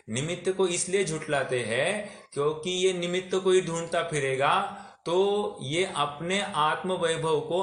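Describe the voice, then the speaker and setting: A man's voice: a little high, a bit bright, reverberant. A man teaching a scripture class, explaining patiently, putting questions to his listeners, and mixing English words into his talk. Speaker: religious teacher.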